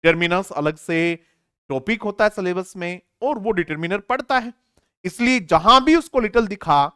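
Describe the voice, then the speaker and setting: A man teaching an English grammar lesson for exam preparation, dictating example sentences slowly and often asking his students if they have understood. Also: high voice, expressive, sharp tone, smooth, no echo, clean studio sound. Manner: slow, drawn-out dictation of example sentences, frequent rhetorical checks.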